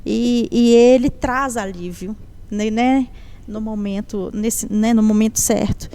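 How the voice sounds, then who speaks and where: A woman giving a heartfelt personal testimony in a conversation, telling her story in a lively way and acting out the dialogue. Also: a little high, slow.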